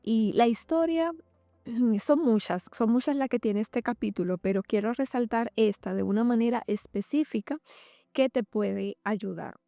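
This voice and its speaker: Mellow-voiced woman reading and reflecting. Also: a little high, gravelly, no room sound, studio quality, faint music behind. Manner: reflective, measured storytelling. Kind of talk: reading aloud from a book and commenting.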